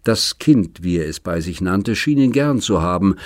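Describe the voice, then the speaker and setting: A man narrating an audiobook in a calm, even storytelling manner. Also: sits low, normal speed, no echo, clean studio sound. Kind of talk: scripted narration.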